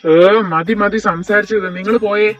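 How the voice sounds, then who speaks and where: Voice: mid-range voice, fairly even intonation, normal speed, fairly bright tone, recorded from a distance, close to an everyday voice. A performer voicing a brusque, dismissive young college man who shoos a girl away. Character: grumpy young male college dancer.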